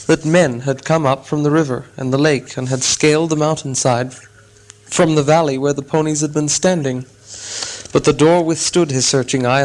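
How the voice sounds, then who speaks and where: A man narrating a fantasy story aloud in a measured, expressive storytelling style. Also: mid-range voice. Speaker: audiobook narrator. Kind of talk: scripted narration.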